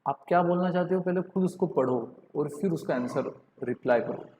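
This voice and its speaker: A man with an Indian accent teaches a live online class, his voice sitting a little high for a man. He reads each statement out slowly and calls on students by name. The sound is roomy, with a long reverb tail and a faint hiss of ambience. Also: a little mellow.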